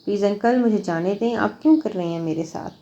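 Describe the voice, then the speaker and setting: A woman's voice: mid-range voice, dark tone, lo-fi sound, lightly acted. A woman voicing a frightened young woman who begs to be let go. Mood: frightened, pleading. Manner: pleading.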